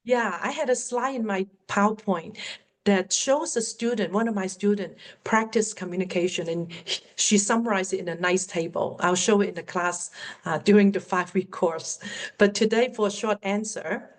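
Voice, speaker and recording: Answering audience questions in an online webinar, a middle-aged woman coaches on communication at work. She has a mid-range voice and a Cantonese accent, Cantonese being her first language. She speaks earnestly and encouragingly, slowing her delivery to stress key points.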